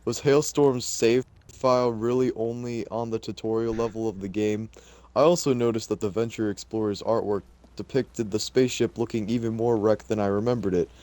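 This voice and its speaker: A young man reading a horror story aloud with friends, steady and plain with small slips. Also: lowish voice, moderate pace. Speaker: co-host reading a creepypasta aloud. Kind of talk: casual group reading of a story.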